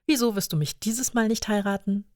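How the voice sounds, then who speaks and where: A woman reading a bold, sharp-tongued young wife. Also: medium pitch, no room sound, clean studio sound, pitched above the performer's own voice, lightly acted. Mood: spirited. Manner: spirited, quick retorts.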